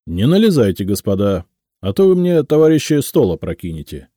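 A man's voice: on the low side, very animated, a little fast, mellow, no room sound, clean studio sound. A man voicing a harried male office cashier who pleads and whines in a plaintive, flustered way, in a storybook reading.

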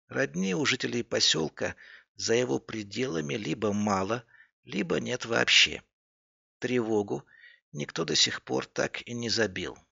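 Sergei, a man voicing a calm serious official. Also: mid-range voice, vocal fry, breathy edge, muffled recording, exaggerated voice. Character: steady middle-aged man, calm official.

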